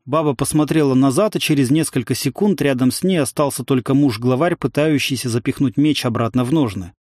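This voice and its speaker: A man's voice: mid-range voice, fairly quick, a little mellow, no room sound. Man narrating a story in a dry voice. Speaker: audiobook narrator. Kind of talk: scripted narration.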